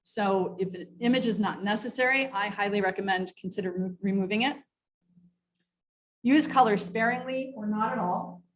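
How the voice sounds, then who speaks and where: At a moderate pace and medium pitch, this workshop presenter runs a training session that's partly prepared and partly improvised. Her explanations are informal, with casual asides.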